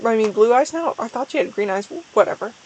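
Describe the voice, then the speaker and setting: A woman's voice: fairly high pitch, lively intonation, fast, a little mellow, rough recording. A woman streamer doing a mock-dramatic reading, breaking off for wry, joking asides to her chat.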